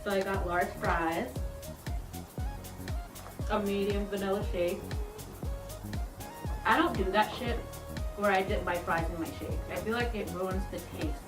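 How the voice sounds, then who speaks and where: A woman's voice: medium pitch, unhurried, long pauses. A young woman vlogger chatting casually and frankly, swearing now and then. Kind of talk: casual mukbang chat. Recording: roomy echo, far from mic, music behind.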